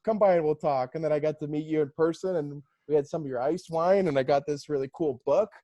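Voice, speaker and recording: Cheerful young male host, slightly high mellow voice, close and dry. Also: fairly even intonation, quick pace, no echo, dull audio. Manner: upbeat, laughs often. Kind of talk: casual video call chat.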